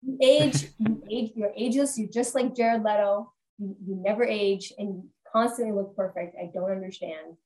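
A woman co-hosting a casual podcast chat about a film, talking in an animated, chatty way. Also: medium pitch, moderate pace, few pauses, poor audio. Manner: chatty, animated, laughs often. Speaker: podcast co-host. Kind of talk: casual movie discussion.

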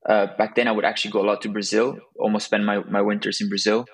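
Relaxed young man from Belgium, low-voiced. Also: fast, husky, poor audio. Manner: relaxed, with frequent restarts and laughs. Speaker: guest. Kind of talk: conversational interview.

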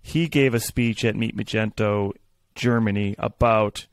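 A man's voice: fairly low pitch, steady tone, unhurried, no echo. A man in casual tech discussion, rambling with fillers and restarts and a dry sarcastic streak.

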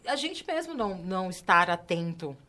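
Low-voiced são woman chatting on a podcast, slangy and emphatic, keeps asking "get it?". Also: very animated, normal speed, sharp tone. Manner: slangy, emphatic, frequent "entendeu?". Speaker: podcast co-host. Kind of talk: casual chat.

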